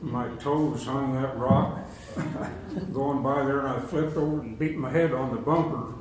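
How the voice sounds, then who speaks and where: A man's voice: medium pitch, steady tone, a little slow, a little mellow. An older man telling folksy, chuckling stories from his younger days to a group. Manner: folksy, chuckling through anecdotes. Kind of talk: casual storytelling to a group. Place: large echoey room with a group. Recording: very echoey room, mic from a distance, faint noise.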